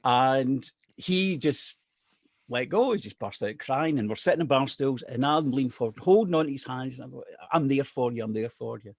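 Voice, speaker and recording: A middle-aged Scottish man tells a casual anecdote in a chatty, self-deprecating way, his ordinary-pitched voice expressive, at normal speed, with some vocal fry. The recording is dry and close, with no sense of room around him.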